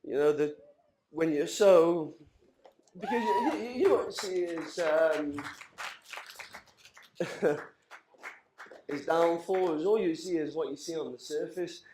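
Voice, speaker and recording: A man's voice: on the high side, huge pitch swings, slow, long pauses, reverberant, background noise. A man in his thirties giving a rambling, emotional best man speech after a few drinks. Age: 30s. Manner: rambling, emotional, laughing between lines. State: tipsy. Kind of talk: wedding speech. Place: wedding reception hall.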